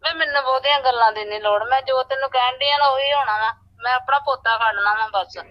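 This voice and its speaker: A woman's voice: high-pitched, quick pace. A woman playing a stern, demanding older mother-in-law in a family drama, scolding curtly over the telephone. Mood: scornful, demanding. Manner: curt, scolding, insistent. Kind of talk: acted family drama dialogue. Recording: muffled, tinny phone-call sound.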